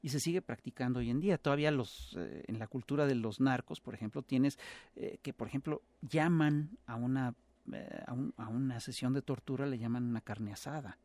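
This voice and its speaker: A man with a Mexican accent, explaining as an interview guest in a halting, lecturing way with many filler sounds. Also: medium pitch, a little mellow, no echo. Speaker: guest expert on Mexican humor and cinema.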